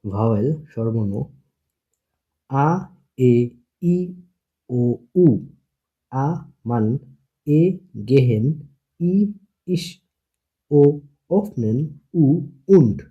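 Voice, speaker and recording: A man's voice: mid-range voice, warm tone, dull audio. A man teaching an online language lesson, patiently spelling out letters and sounds one at a time.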